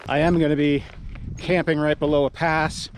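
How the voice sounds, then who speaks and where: An American man chats casually to camera through a face mask. His voice sits a little high for a man, and he rambles in a halting way. He is outdoors, with faint noise in the recording. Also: little pitch movement. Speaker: outdoor video host. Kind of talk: casual vlog talk to camera. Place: outdoors at a mountain trailhead. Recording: noisy outdoor camera audio.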